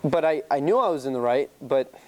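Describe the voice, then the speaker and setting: A man's voice: medium pitch, expressive, fairly quick, darkish tone, slight background noise. A young man giving a casual classroom chalk-talk on sailing rules, telling stories from his own races and laughing easily. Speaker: sailing team presenter.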